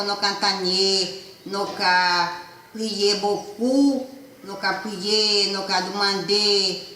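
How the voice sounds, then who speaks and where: Man's slow, halting recorded message. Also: high voice, bright, forceful tone, a little hiss or hum. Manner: slow, halting, repetitive speech. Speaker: recorded message from a mission community. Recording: roomy audio played back with faint ambience.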